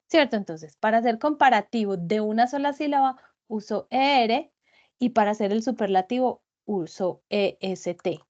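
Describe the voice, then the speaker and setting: A woman's voice: a little high, a little mellow. A woman giving an online English grammar lesson, explaining step by step and often checking that her students follow. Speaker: English teacher. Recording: dull lo-fi web conference audio.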